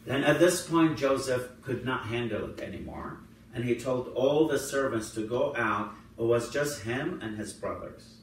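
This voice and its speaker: A man's voice: mid-range voice, expressive, moderate pace. A man, a priest whose first language is Assyrian, leading an informal Bible study and retelling scenes with rising emphasis in the quoted lines. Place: church hall. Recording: very echoey room, voice from far off, faint noise.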